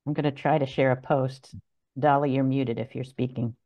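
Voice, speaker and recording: A gravelly speaker heard over a group video call with dull, lo-fi audio. They host the chat and talk casually in loose, run-on phrases, as if calling in from home. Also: medium pitch, flat delivery, normal speed, a little mellow. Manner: chatty, tells things in loose run-on phrases.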